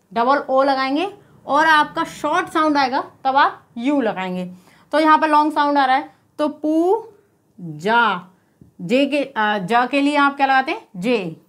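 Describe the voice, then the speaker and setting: A woman's voice: high-pitched, fairly bright tone. A woman teacher explaining spelling step by step, patiently posing questions and then answering them herself. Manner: checks in with repeated "okay?". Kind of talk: spelling lesson.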